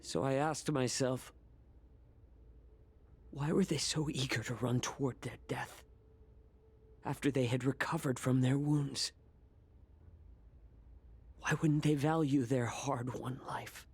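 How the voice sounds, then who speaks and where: Quiet fox healer, brooding, slow, reflective, mid-pitched, video game role. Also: male voice, fairly even intonation, slightly rough. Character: weary fox healer, young man, calm and brooding.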